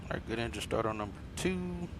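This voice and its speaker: A man's voice: on the low side, animated, fairly quick. A man speaking as an airline captain, mixing casual cockpit chat with procedure callouts. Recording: clear vehicle and air noise.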